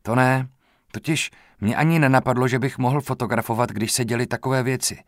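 A man's voice: medium pitch, fairly even intonation, no room sound, clean studio sound, close to an everyday voice. A man voicing a frank, earnest teenage boy who speaks matter-of-factly, as a character in an audiobook reading.

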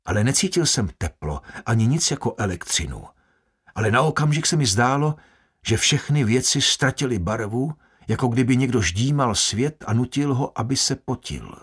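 A man reading a first-person audiobook in a measured, grave storytelling manner. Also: medium pitch, lively intonation, breathy edge. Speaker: audiobook narrator.

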